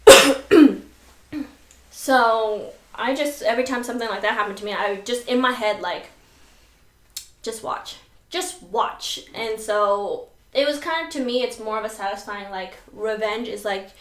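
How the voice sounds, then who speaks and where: A woman's voice: on the high side, a little fast, hardly any pauses. A woman chatting casually and laughing while she eats on a food video. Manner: chatty, animated, laughs often. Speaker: mukbang co-host. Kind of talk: casual chat while eating. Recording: echoey room.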